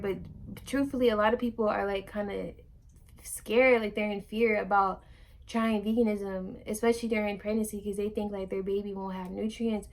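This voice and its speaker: A woman's voice: medium pitch, a little mellow, a little hiss or hum. Chatty young woman vlogging. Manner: chatty, rambling, many fillers and restarts. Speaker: vlogger, new mother. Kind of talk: casual chat to camera.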